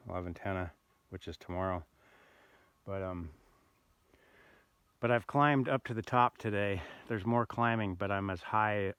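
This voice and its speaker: An older man telling a rambling, easygoing story outdoors on a remote mountain road, with many pauses and "uh"s. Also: low-pitched, a bit bright, clear, resonant tone, no echo. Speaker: bikepacker vlogger. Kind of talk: casual outdoor vlog narration.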